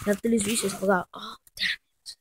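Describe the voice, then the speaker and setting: A woman doing fan machinima voice acting, switching between playing a teacher and schoolkids, with loud excited outbursts. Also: medium pitch, a little fast. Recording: noisy home recording with clicks.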